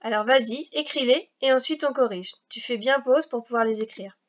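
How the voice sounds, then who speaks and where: A woman's voice: fairly high pitch, muffled recording. Patient woman teaching children to read. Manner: slow, patient, step-by-step explaining. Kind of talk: recorded reading lesson for young children.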